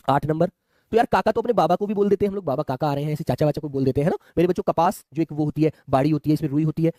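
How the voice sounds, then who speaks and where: A man's voice: high voice, mellow, no room sound, studio quality. A man teaching a live online exam class, chatty, often calling students his children and asking them to answer.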